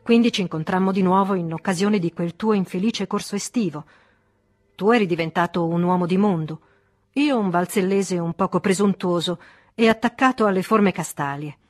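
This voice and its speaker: A woman reading the part of a calm, kindly older man who answers his friend with gentle, measured composure, in an audiobook. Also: lowish voice, natural voice. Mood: serene.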